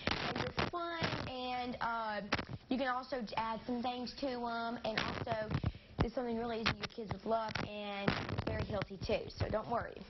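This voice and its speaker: A teenage girl presents a kid cooking segment on a studio kitchen set, chatting upbeat through the demonstration and sometimes losing her words. Her voice sits on the high side with a steady tone and a moderate pace. The TV audio is slightly dull, with faint noise.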